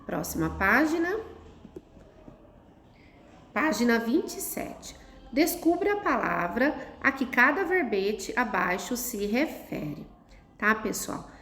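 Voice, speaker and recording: A woman's voice: on the high side, sing-song, takes it slowly, pauses often, fairly bright tone. A woman teacher, patiently explaining a lesson to children step by step and checking in with "tá?". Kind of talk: recorded classroom lesson for children. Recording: echoey room, faint noise.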